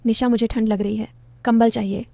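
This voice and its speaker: A woman's voice: on the high side, flat delivery, fairly quick, vocal fry, warm tone, dry recording. A woman voicing a polite young husband visiting his wife's family. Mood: mild.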